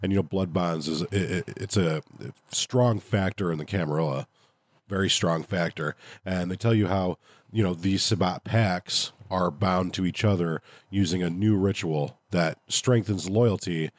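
A man's voice: deep voice, moderate pace, dry recording. A man hosting a podcast in casual review talk, with a nasal voice stuffed up from a cold. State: congested from a cold. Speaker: podcast host.

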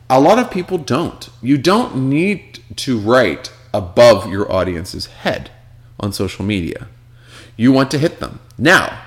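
A man giving a casual, conversational lesson on social media marketing, often checking in with the listener with questions. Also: on the low side. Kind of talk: casual instructional talk.

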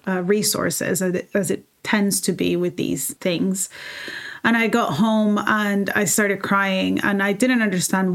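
A woman in her 30s from El Salvador, a fashion designer, speaks with a medium-pitched voice and vocal fry. She is a guest in a reflective conversation, sounding earnest and heartfelt. She often restarts her sentences.

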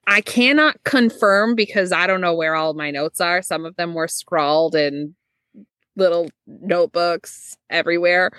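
A woman's voice: on the low side, unhurried, fairly bright tone, clean tone, no echo. A young woman co-hosting a podcast, casual chat with wry humor. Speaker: podcast co-host.

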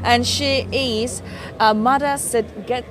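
A woman's voice: fairly high pitch, fairly even intonation, takes it slowly, music in the background. A woman hosting a podcast, asking eager questions and reacting effusively to her guest. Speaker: podcast host. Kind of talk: podcast interview.

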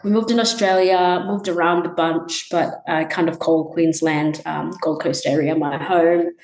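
A young woman musician talks through her answers softly, stopping often to think. Her voice sits a little low. The room gives it a roomy echo. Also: steady tone, a little slow. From Tanzania. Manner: soft-spoken, many ums and restarts. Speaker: musician guest. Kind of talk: casual interview answers. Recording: echoey room.

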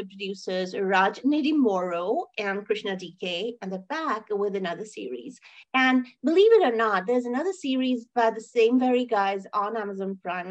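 A woman with a slightly high voice, her highs cut off, co-hosts a film and TV review podcast. She talks casually and emphatically, often repeating phrases and checking in with questions.

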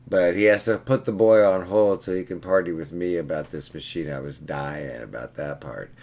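Casual male vlogger, very low pitch, rambling storyteller, pinball repair guy. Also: normal speed, a little mellow. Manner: rambling, chatty, keeps asking "right?".

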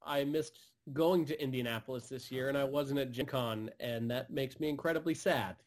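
A man's voice: medium pitch, normal speed, darkish tone. Earnest man guesting on a podcast. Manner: earnest, with many fillers. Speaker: podcast guest, game publisher staff. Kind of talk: casual interview chat.

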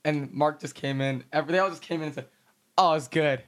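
A man's voice: a little high, steady tone, rapid-fire. A man hosting a casual, slangy podcast with friends, sounding sick and tired with a shot voice. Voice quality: worn-out voice from being under the weather. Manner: slangy, joking. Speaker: podcast host.

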